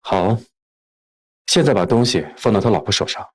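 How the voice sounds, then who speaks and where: An actor playing a ruthless young tycoon who speaks calmly and coldly, with quiet menace. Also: male voice, lowish voice, moderate pace, slightly rough, poor audio. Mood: menacing. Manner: calm, cold and menacing.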